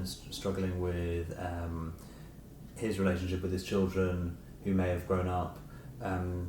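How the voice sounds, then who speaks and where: An author in middle age, being interviewed, talks tentatively and reflectively, reworking his ideas as he goes. His voice sits low and sounds a little mellow. There's a roomy echo and clear background noise.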